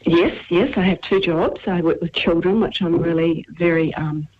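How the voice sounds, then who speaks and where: A woman's voice: on the low side, fairly even intonation, normal speed. A woman from England calling in to a radio show, chatting with many fillers. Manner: chatty, warm about her town, hesitant fillers. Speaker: caller. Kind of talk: casual phone chat on radio. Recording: muffled phone line.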